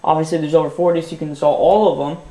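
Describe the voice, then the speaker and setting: Talking very fast, a young man hosts a tech video showing a phone how-to, his voice somewhat congested from a runny nose. Relaxed, cheerful, and heavy on fillers, he pitches his voice a touch high while the space around him echoes noticeably.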